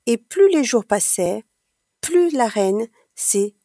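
A woman reading a children's storybook aloud slowly and expressively. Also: on the high side, no room sound, clean studio sound. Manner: slow, expressive read-aloud.

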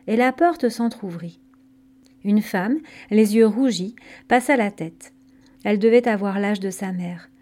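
A woman narrating a scripted myth story in a calm, gentle storytelling manner. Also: fairly high pitch.

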